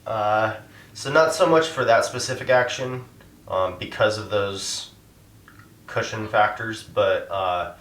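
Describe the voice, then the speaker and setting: A man with a low voice speaks haltingly, full of fillers, and gets choked up as his pitch climbs. He is recorded in an echoey room, set back from the mic. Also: a bit bright, recorded from a distance. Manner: halting, many fillers, voice rising when upset. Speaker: interviewee, animal rights activist. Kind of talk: emotional interview.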